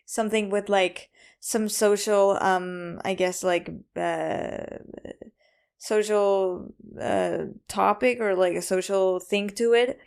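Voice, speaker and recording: A woman's voice: mid-range voice, fairly even intonation, takes it slowly, a little mellow, smooth. A woman hosting a solo podcast in a casual, rambling, informal way, sounding a little tired. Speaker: podcast host.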